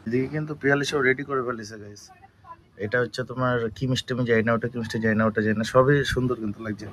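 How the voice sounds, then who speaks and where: A hoarse young man with a cold, vlogging from home on a phone and chatting straight to his viewers. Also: medium pitch, fairly even intonation, rapid-fire, fairly bright tone, a little hiss or hum. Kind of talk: casual daily vlog. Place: at home, indoors.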